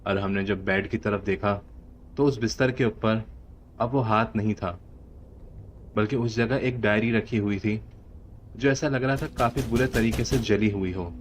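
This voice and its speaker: A man with a Pakistani Urdu accent narrating a horror story in a steady storytelling voice. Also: on the low side, normal speed. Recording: dull lo-fi audio with faint hiss.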